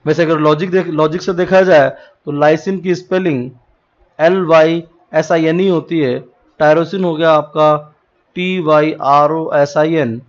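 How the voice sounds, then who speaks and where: A male teacher with a North Indian accent lectures with a slightly high voice, a steady tone and a somewhat slow pace. He weaves in English terms and spells letters out individually. The audio is dull and lo-fi.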